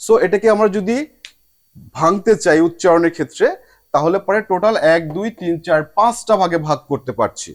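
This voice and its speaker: Man, high voice, teaching tone, mixes english phrases in, stretches out example words slowly. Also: lively intonation. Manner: slow drawn-out word demonstrations. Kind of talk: spoken lesson.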